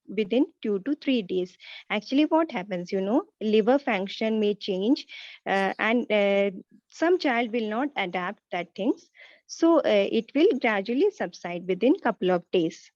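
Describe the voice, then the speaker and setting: Woman, nurse role-play, reassuring, polite, halting delivery, dry slightly dull recording. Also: medium pitch, darkish tone, no echo. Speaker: nursing student practising a role play.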